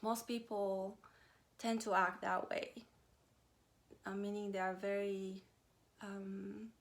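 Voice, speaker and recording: A woman in her thirties, originally from Romania, talking to her viewers in a casual personal vlog, pausing often with fillers. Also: medium pitch. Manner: hesitant, many pauses and fillers. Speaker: vlogger. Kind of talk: casual personal talk to camera.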